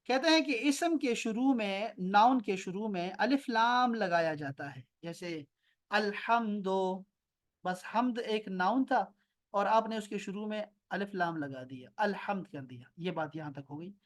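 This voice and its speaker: Man, Pakistani Urdu accent, online Arabic teacher on a video call; patient, repeats slowly, quizzes students. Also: high-pitched. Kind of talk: online class lesson. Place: home near an airport.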